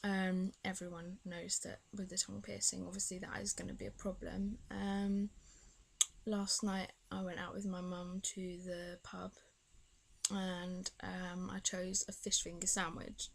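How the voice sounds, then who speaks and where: Young british girl vlogging, kinda monotone w vocal fry, rambly, talks like her tongue is a bit swollen. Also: lowish voice, a little slow. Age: young adult. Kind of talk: casual video diary chat.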